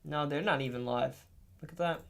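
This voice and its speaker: A young man talks through a casual livestream, cursing freely as he reacts. He drifts into low, half-muttered asides, then jumps into sudden excited outbursts. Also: moderate pace, vocal fry, a little hiss or hum. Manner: profane, excitable, swings between mutters and outbursts.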